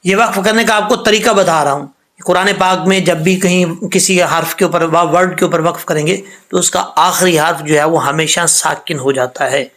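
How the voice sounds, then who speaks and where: A man teaching Quran reading in a patient lesson, spelling out syllables slowly and checking often that the learner follows. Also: a little high, a bit bright. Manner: patient, repeats each syllable slowly and asks "ٹھیک ہے؟" often. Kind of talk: recitation lesson.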